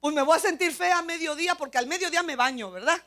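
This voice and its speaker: A middle-aged Mexican woman preaching from the pulpit in a high, bright, ringing voice. She tells lively, funny stories and builds to forceful, near-shouted points. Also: fast talker. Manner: animated, humorous storytelling, rising to near shouts. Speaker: pastor. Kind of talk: sermon.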